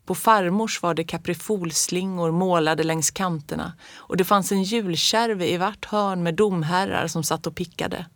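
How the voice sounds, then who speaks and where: A reader narrating a children's storybook in the first person of a child, in a calm, gentle, even way. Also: mid-range voice, hardly any pauses, dry recording. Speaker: audiobook reader.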